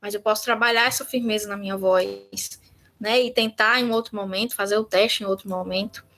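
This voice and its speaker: A woman's voice: mid-range voice, steady tone, brisk, fairly bright tone, a little hiss or hum. A woman with a Brazilian Portuguese accent teaching a communication workshop in a conversational way, acting out short sample dialogues. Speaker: workshop instructor. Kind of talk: online workshop talk.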